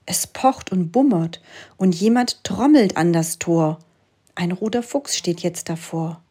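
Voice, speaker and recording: A woman reading a rhyming children's story aloud, dropping into soft whispers for suspense. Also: on the low side, unhurried, noisy background.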